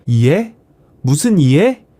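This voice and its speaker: A man voicing a furious elderly grandfather, a retired teacher who shouts and scolds. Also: fairly high pitch, big pitch swings, takes it slowly, dry recording, exaggerated voice. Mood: enraged.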